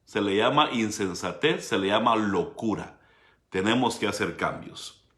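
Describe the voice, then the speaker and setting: Male pastor, sermon delivery, roomy hall sound, emphatic with sudden quiet asides. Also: lowish voice, lively intonation, a little slow. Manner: preaching with frequent direct address to the congregation; dramatic shifts between loud emphasis and hushed asides.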